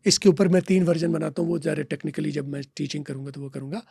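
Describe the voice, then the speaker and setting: A man's voice: fairly high pitch, fairly even intonation, fast talker, gravelly, darkish tone, slightly rough, no room sound, studio quality. A man, a teacher guest on a podcast, lecturing and repeating example words. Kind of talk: podcast interview, explaining.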